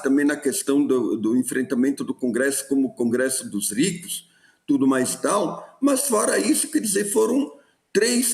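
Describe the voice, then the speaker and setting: A man with a Brazilian Portuguese accent, a professor giving emphatic political analysis on a live news panel over a remote call, often restarting phrases. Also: fairly high pitch. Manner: animated, many restarts, emphatic. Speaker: political science professor, commentator. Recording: roomy echo.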